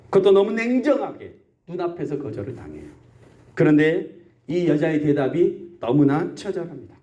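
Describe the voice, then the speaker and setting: A man's voice: on the high side, very animated, normal speed, mellow, highs cut off. A man preaching a sermon as pastor of a rural church, often asking the congregation questions. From South Korea.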